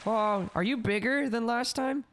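Game music plays behind a heavily noisy recording of a gamer doing a let's play, reading on-screen text aloud and bursting into panicked shrieks and laughter. Their mid-range voice runs a little slow.

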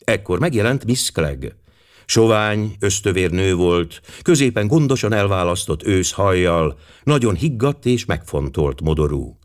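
A male audiobook narrator with a low voice that still moves a lot in pitch. He reads in a measured, expressive storytelling manner.

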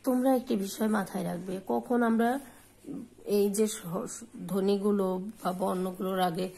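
A woman teacher giving a spoken lesson, saying example words slowly and repeating them for her pupils. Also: mid-range voice, fairly even intonation, vocal fry, warm tone, low-quality recording. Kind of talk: slow spoken lesson on pronunciation.

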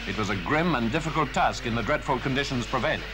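A man narrating an old newsreel in a grave, formal, measured manner. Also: medium pitch, expressive. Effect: old newsreel voice-over. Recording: voice-over with music underneath.

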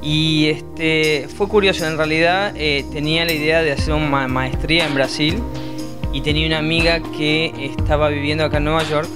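Brief: Buenos Aires man, thirties, laid-back storyteller, slightly high voice, music bed under him. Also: normal speed. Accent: Buenos Aires Spanish. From Argentina. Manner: relaxed storytelling with many fillers. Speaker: interviewee, business owner. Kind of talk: seated interview. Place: indoor showroom. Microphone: handheld mic held close.

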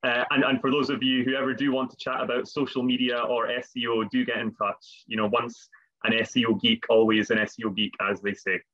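In a home office, a man in his thirties presents a business webinar over a video call, often repeating words. His mid-range voice is a bit bright and a little fast, with a flat delivery. The call audio is dull and lo-fi.

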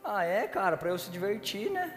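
A man's voice: sits high, big pitch swings, brisk. A man voicing a grumpy, whiny teenage boy, mumbling and slangy, in an echoey church hall with faint music.

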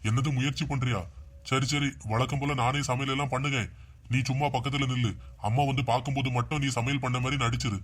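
A man's voice: mid-range voice, flat delivery, fast talker, close to an everyday voice. A man voicing an anxious, placating young husband. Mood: pleading. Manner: pleading, placating. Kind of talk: cartoon voice acting.

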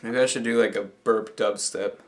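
A man's voice: on the low side, steady tone, normal speed, heavy background noise. A young man chatting casually to his camera in a living room, as a challenge vlogger. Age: young adult. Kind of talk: casual vlog chat to camera.

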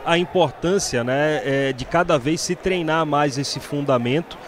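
Fairly high-voiced Brazilian male match analyst. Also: unhurried. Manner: conversational, often tagging phrases with "né". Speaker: football analyst. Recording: noisy outdoor stadium broadcast.

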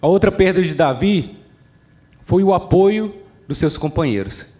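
A man's voice: sits high, animated, unhurried, warm tone. A man preaching a sermon at a church service. He speaks emphatically, repeats his phrases and keeps checking in with the congregation.

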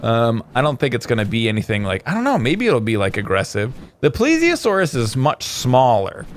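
A man's voice: medium pitch, huge pitch swings, fairly quick, a little hiss or hum. A man hosting a video game, rambling through casual commentary with lots of fillers and self-corrections. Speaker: gameplay video host.

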